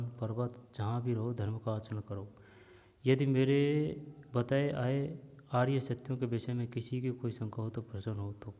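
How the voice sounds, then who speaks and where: A man reading a textbook story aloud as a teacher, pausing now and then to explain words. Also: medium pitch, mellow. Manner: reads steadily, pauses to explain words. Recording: dull lo-fi sound with long reverb.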